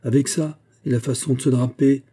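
A man reading aloud, voicing a sharp-tongued young woman shop clerk in a storybook. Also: mid-range voice, fairly even intonation, fairly quick, breathy edge, voice pushed up, natural voice. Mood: mocking. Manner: tart, mocking.

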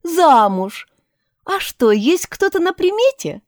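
A woman voicing a brisk, teasing young female friend in an audiobook, high and animated. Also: dry recording, studio quality, full character voice.

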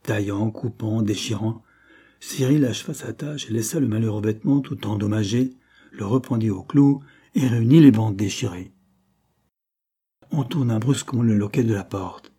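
Male audiobook narrator, measured delivery, dark mellow tone. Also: fairly low pitch, husky. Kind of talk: novel reading.

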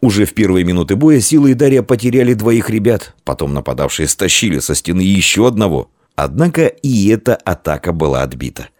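Deep, lively male storyteller. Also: brisk, few pauses, no echo, studio quality. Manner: expressive storytelling. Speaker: narrator. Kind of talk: audiobook narration.

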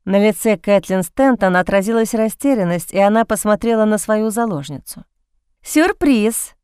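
Woman reading a thriller audiobook, smooth crisp voice, dry close sound. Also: mid-range voice, a little fast, a little mellow, no echo. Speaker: audiobook narrator. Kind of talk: scripted narration.

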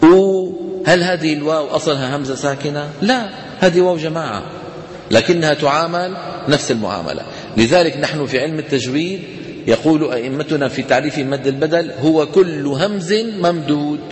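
A man with a Levantine Arabic accent teaching a tajweed lesson, talking casually to students, checking they follow and chanting examples slowly. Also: fairly high pitch. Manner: conversational, asks students rhetorical questions. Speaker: Quran recitation teacher. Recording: echoey hall reverb.

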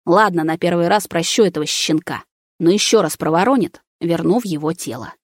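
A woman's voice: on the low side, expressive, a little fast, dry recording, clean studio sound. A woman voicing a cold, menacing ancient male being who speaks in clipped, commanding phrases. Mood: icy.

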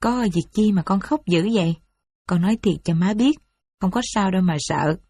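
A woman voicing a worried, gentle mother who coaxes her daughter softly. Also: mid-range voice, normal speed, husky, no echo. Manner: soft, coaxing and anxious.

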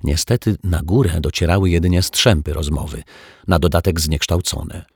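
A man narrating a children's audiobook in a playful, expressive way, close to the mic. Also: sits low, normal speed, creaky, husky, dry recording.

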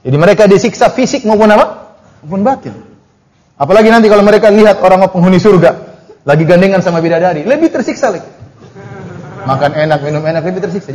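Male preacher, higher register, animated exegesis with recited verses. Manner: animated, mocking asides, slow chanted Arabic recitations. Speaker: Islamic preacher. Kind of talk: Quran exegesis lecture.

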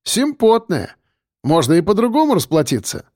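A man's voice: sits high, sing-song, normal speed, darkish tone, no room sound, studio quality, pitched above the performer's own voice. A man voicing a cocky, crude young male driver who swaggers and swears. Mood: leering. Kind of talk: audiobook character voice.

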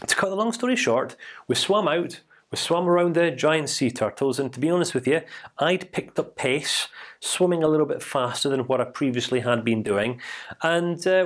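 A man giving a motivational talk built around a personal story, told in an emphatic, animated way. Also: mid-range voice. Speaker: speaker.

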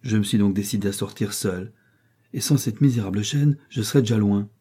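A man's voice: fairly low pitch, a little fast, warm tone, husky. A man reading aloud and voicing an impatient, haughty young Russian princess in a raised, imperious tone. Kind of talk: audiobook character voice.

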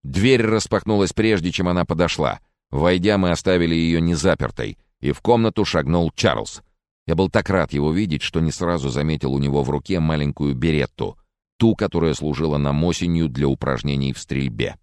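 A man's voice: extremely low pitch, brisk, darkish tone, dry recording, clean studio sound. A man narrating a thriller audiobook in the first person, reading expressively.

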